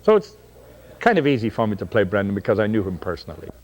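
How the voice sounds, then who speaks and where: A man's voice: fairly low pitch, very animated, fast talker. A middle-aged man with a Dublin Irish accent, a stage actor chatting in an interview with frequent ums and restarts. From Ireland. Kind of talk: casual interview talk.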